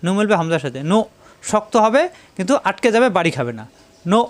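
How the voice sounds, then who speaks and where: A man's voice: sits high, sing-song. A man teaching Quran recitation rules, patiently repeating each sound to show the difference. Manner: recites verses in slow drawn-out chant. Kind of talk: tajweed lesson.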